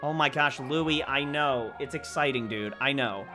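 A man hosting a let's play, commenting with gushing excitement and chatty asides to viewers. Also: mid-range voice, measured pace, music in the background. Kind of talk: gameplay commentary.

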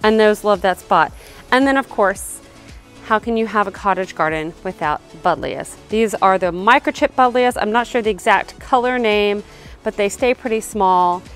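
A woman's voice: mid-range voice, moderate pace, faint music behind. A woman, giving a casual, upbeat garden tour outdoors and explaining as she walks, recorded on a handheld camera. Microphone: handheld camera, selfie framing.

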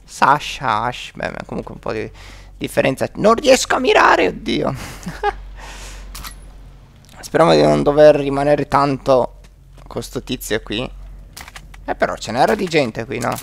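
A man's voice: mid-range voice, unhurried, creaky, pauses often, a little hiss or hum. A man hosting a let's play, chatting and exclaiming as he jokes about the game. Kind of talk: gameplay commentary.

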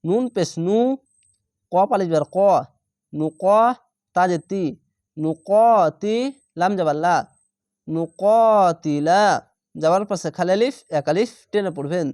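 A man's voice: high voice, measured pace, long pauses, darkish tone, no room sound. Guy teaching quran reading, spells it out syllable by syllable, stretches the long vowels, dry close sound. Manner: patient and methodical, repeats syllables and draws out vowels. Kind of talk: spelling out Arabic syllables for learners.

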